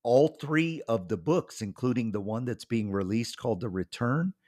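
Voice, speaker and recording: At a moderate pace and medium pitch, a male podcast host chats casually through a cold that could crack his voice. He's a pastor and author who rambles somewhat and drops plenty of ums.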